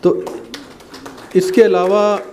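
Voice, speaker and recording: A middle-aged man giving a formal speech at an award ceremony, pausing often with fillers. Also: sits high, flat delivery, darkish tone, a little hiss or hum. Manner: hesitant, many filler sounds, measured. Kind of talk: formal ceremony speech, Hindi mixed with English.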